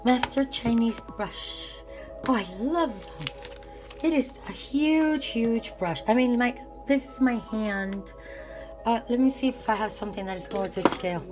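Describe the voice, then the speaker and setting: A raspy-voiced woman, worn out with bronchitis, chats casually in an ASMR unboxing vlog, rambling and often correcting herself. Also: a little high, unhurried, over music. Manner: rambling, hesitant, self-correcting. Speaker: art supply vlogger.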